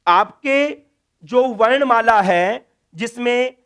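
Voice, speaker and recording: A man's voice: very high voice, slow pace, fairly bright tone, clean tone. A man teaching Sanskrit grammar in a classroom lecture, drilling letters one by one and answering his own questions.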